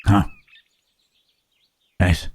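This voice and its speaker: A man voicing a gentle, melancholy, lonely monster in a halting, pensive ASMR roleplay, with formal wording and a husky, low voice. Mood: pensive, sorrowful.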